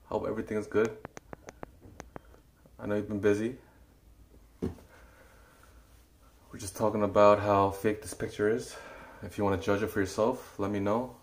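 A man's voice: fairly low pitch, flat delivery, moderate pace, long pauses, a little hiss or hum. A young man streaming a workout, chatting casually with viewers and short of breath from exercising. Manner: talks to chat while exercising, counting reps under his breath. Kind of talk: casual live-stream chat during a workout.

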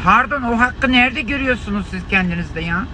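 A high-pitched man scolds his viewers in an indignant, exclamatory live-stream rant, his voice gone hoarse. He talks into a phone from inside a car. Loud traffic and street noise runs underneath. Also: animated, fairly quick. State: hoarse from shouting. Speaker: livestreamer.

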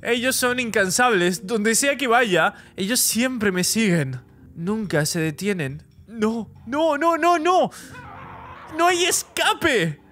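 Game figure: man doing a sobbing, hunted young guy, high and panicky. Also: sing-song, takes it slowly, pauses often, a bit bright, soft background music, full character voice. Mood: panicked. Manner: pleading, panicked.

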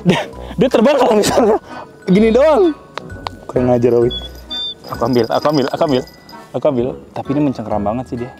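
A man chatting excitably to viewers while handling and feeding a pet, talking outdoors. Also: mid-range voice, fast, pauses often, music in the background. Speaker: animal vlogger. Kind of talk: casual vlog chatter.

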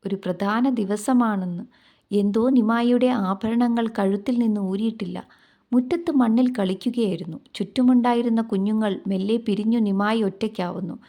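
A woman narrating a devotional story in a gentle, reverent storytelling manner. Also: on the high side, steady tone, normal speed.

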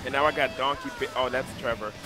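A man's voice: mid-range voice, rough recording. A young man about to start college, chatting and teasing friends while calling out race positions in a casual gaming chat. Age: young adult.

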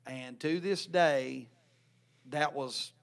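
A man's voice: mid-range voice, extremely slow, creaky, clear, resonant tone. A man, a youth pastor co-hosting a casual podcast talk, earnest and restarting his words often, speaking into a desk mic in a small church room. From North Carolina, USA. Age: 30s. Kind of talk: casual chat. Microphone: desk mic on a stand.

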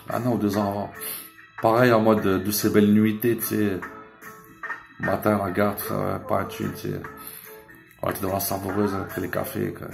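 A man with a gravelly, creaky voice talks in a loose, rambling monologue. His speech is emotional and full of filler and curses, with Arabic religious phrases woven in. Faint music plays behind him. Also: lowish voice. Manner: rambling, emotional, sprinkled with "tu sais" and swearing; mixes in Arabic religious expressions. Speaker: vlogger. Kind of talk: casual storytelling monologue.

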